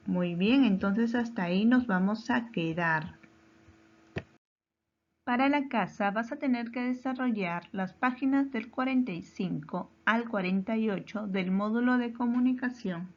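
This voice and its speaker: Slow, patient woman teacher. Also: medium pitch, muffled recording. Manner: slow, careful, questioning delivery with deliberate pauses. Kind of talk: remote grammar lesson for children.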